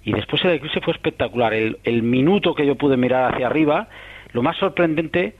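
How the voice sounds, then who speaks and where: A man's voice: medium pitch, animated, a little fast. A man from Catalonia, an astronomer answering interview questions in a thoughtful, rambling way full of restarts and tag questions. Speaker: astronomer guest. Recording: muffled radio broadcast.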